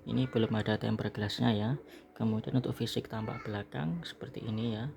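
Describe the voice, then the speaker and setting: Low creaky Indonesian man in a small room. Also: fairly even intonation, fairly quick, a little mellow, slight background noise. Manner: explanatory, repeatedly ends phrases with "ya". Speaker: online phone seller. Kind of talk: casual product packing and review narration.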